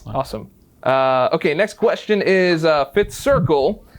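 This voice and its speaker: A man's voice: on the high side, lively intonation, measured pace. A man hosting a casual interview, reading out viewer questions with plenty of fillers. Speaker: interviewer, community content host.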